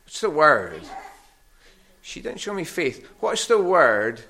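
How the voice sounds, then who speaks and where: Bright-voiced Scottish Hebridean man preaching to children. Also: fairly high pitch, slow pace, creaky, a little hiss or hum. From Harris, Scotland. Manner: conversational, questioning, animated storytelling. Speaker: preacher giving a children's talk. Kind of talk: children's sermon told as a personal anecdote, with questions to the listeners.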